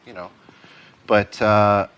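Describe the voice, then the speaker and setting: A man being interviewed as a guest session drummer, talking in a relaxed, easygoing way in a recording studio. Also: on the low side, slow, clean tone, rough recording. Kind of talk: casual interview.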